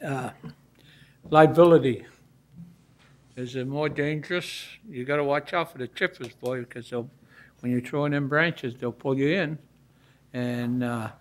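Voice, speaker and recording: A man's voice: medium pitch, steady tone, measured pace, long pauses. A man speaking as an alderman in council debate, asking questions in a folksy, plain-spoken way.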